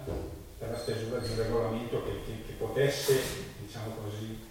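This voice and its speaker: A man chairing a public meeting as mayor, speaking formally and bureaucratically with hesitant pauses. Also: on the low side, flat delivery. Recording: very echoey hall, distant mic, faint noise.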